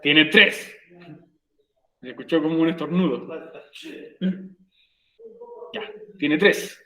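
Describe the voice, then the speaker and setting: A Chilean male teacher guiding students through English grammar, repeating each word and question. His voice sits on the high side for a man. The room around him rings with a noticeable echo. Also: slow, sharp tone. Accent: Chilean Spanish. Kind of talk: recorded virtual class, explaining grammar in Spanish.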